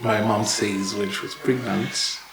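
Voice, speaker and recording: A man in his thirties from Uganda, a podcast guest telling his life story in a halting way with many fillers and little chuckles. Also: on the low side, fairly even intonation, roomy sound, crowd noise, rough recording. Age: 30s. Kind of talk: casual interview, life story.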